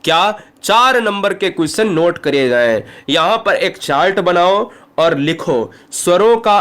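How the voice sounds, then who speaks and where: A man with a Bihari Hindi accent teaching an exam-prep grammar lesson, speaking straight to his students and asking them quick rhetorical questions. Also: sits high, a bit bright, clear, resonant tone. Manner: addresses students directly, asks rhetorical questions.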